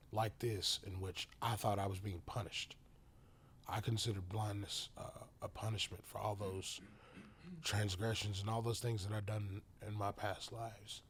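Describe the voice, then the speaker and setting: A man telling his personal story as a podcast guest, halting and full of restarts, sometimes dropping to a whisper. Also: lowish voice, a little hiss or hum. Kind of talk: emotional personal testimony.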